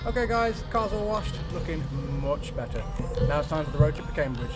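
Brief: man, 30s, bright and high-pitched, cheerful vlog host, music loud underneath. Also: very animated, a little fast. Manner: upbeat, addresses viewers. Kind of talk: casual vlog chat. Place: inside a car and outdoors at a car wash.

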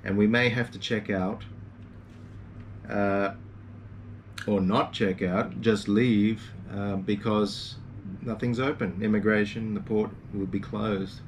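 A sailing vlogger in his forties gives a casual, rambling video update from inside a small boat cabin, full of ums and uhs. His voice is fairly low, steady, and slow, captured by a camera mic placed far away, with a little hiss or hum.

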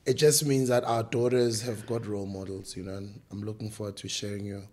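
A man's voice: fairly low pitch, little pitch movement, brisk, darkish tone. A man in his forties with a South African accent, hosting a casual interview in a small studio, playful and laughing often. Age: 40s. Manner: laughs often, playful, switches into Zulu phrases. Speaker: podcast host. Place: small studio room with table. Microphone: desk mic on boom arm.

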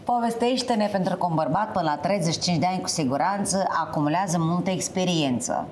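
A woman's voice: lowish voice, a little mellow, slight background noise. Teasing woman hosting a matchmaking show. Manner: teasing, joking questions. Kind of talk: casual TV studio chat. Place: TV studio.

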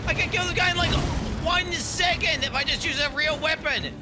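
A man's voice: very high voice, normal speed, over a noisy crowd, very noisy. A foul-mouthed, exasperated man doing a live gameplay rant as a game streamer. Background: loud game music.

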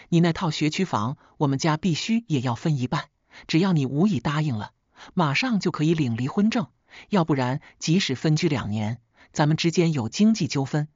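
Woman doing a bossy old mother-in-law, harsh and husky, kinda dull lo-fi sound. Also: low voice, darkish tone, no room sound.

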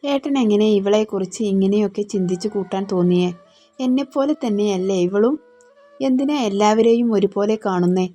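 A woman's voice: medium pitch, moderate pace, warm tone, faint music behind, natural voice. Woman voicing a firm, loyal young woman. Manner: firm, scolding.

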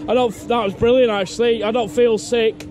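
A man's voice: very high voice, fairly even intonation, a little fast, darkish tone. A man seated on an outdoor fairground ride, chatting casually to viewers as a vlogger. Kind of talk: casual vlog commentary. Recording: noisy outdoor fairground with crowd.

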